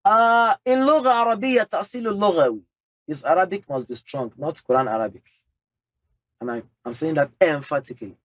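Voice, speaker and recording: Speaking fairly quickly in an animated, slightly bright voice on the high side, this male Islamic teacher lectures emphatically on religion. He works through numbered points, peppers in Arabic terms, and the recording has no echo.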